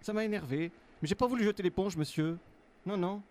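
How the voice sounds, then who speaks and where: A man's voice: sits high, fairly quick, a little mellow, voice pushed up, lightly acted. A young man playing a hot-tempered Belgian cook with a put-on accent, stammering and rambling as he tells his story. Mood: indignant.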